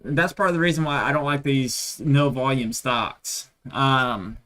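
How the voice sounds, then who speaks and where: A man's voice: medium pitch, measured pace, a bit bright. A man from Texas hosting a live stream, chatting casually and rambling between anecdotes and side comments. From Texas, USA. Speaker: livestream host.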